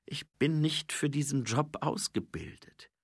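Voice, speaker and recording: A man voicing a weary watchman turned envoy, speaking low, quiet and hesitant. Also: animated, measured pace, slightly rough, no echo, studio quality, full character voice. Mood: guarded, reluctant.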